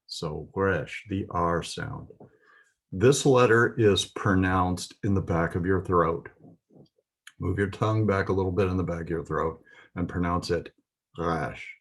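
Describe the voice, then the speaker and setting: A man with a very low, husky voice teaches letters one by one. He speaks slowly and patiently, pausing to point things out in the text. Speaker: Hebrew teacher. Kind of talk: slow spoken alphabet lesson.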